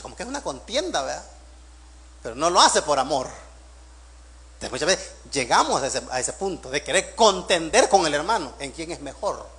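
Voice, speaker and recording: A man preaching with a high, bright, ringing voice. He fires rhetorical questions at the congregation, swells to loud emphatic peaks and then drops to hushed asides. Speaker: pastor. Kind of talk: sermon.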